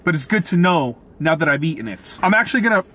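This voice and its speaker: A Florida man reviews food from a parked car, tasting and remarking as he eats in a chatty way. He talks fast in a sharp, animated voice on the high side, and the recording carries slight hiss or hum.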